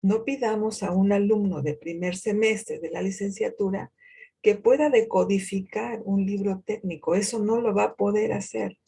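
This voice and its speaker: A woman giving a university lecture in a deliberate way, posing rhetorical questions to herself and pausing often with hesitations. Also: medium pitch, fairly even intonation, gravelly, dark tone, husky. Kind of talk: recorded lecture on reading comprehension.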